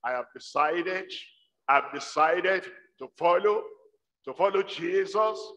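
An older man preaching a sermon to a large congregation, with a rhythmic, repetitive style that builds to shouts. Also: high-pitched, slow. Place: large church hall with congregation. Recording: dull livestream sound in a reverberant hall.

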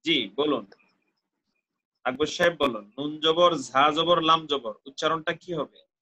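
A man's voice: fairly high pitch, unhurried, bright, forceful tone. A male teacher giving an online recitation lesson on a video call, patiently drilling syllables and repeating corrections. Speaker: Quran Arabic teacher. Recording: dull lo-fi call audio.

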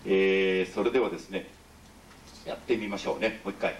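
A man's voice: sits low, fairly quick, slight background noise. A middle-aged man leading an audience sing-along on a ship's stage. He is jokey and overly polite, and he teases the crowd. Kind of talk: live stage banter with call-and-response singing. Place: ship's concert hall with an audience. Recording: roomy, distant live hall recording with music. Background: instrumental music.

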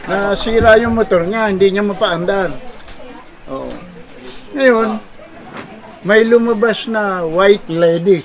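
Filipino male joke teller, high voice, acts out his characters with animated storytelling. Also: slow pace, long pauses. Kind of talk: casual joke telling.

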